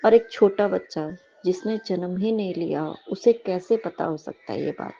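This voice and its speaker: A woman speaking, sharing a devotional testimony with a congregation in halting speech full of fillers, often turning to address her listeners respectfully. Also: fairly low pitch, vocal fry, dark tone, dull audio, slight background noise.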